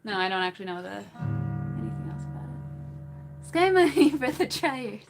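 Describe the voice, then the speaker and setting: A woman's voice: medium pitch, very animated, moderate pace, music in the background. A woman hosting a casual livestream who laughs often, chats with viewers and tries tongue twisters. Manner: giggly, chatty, reads chat and tries tongue twisters. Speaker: livestream host. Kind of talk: casual livestream chat with singing.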